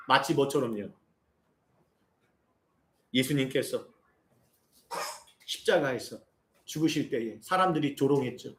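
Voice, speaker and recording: A male pastor in his forties preaches in a high voice that leaps up and down as he questions his congregation. He builds from quiet asides to impassioned, near-shouted appeals. His voice carries through the echo of a roomy church sanctuary. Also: a little hiss or hum. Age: 40s. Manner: asks the congregation constant rhetorical questions. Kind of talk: sermon.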